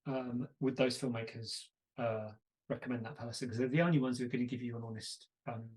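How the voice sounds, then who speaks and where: A man hosting a podcast in relaxed, chatty conversation. He tells stories with self-deprecating asides and a mid-range voice. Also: mid-range voice, a little fast. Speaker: podcast host. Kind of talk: casual conversation.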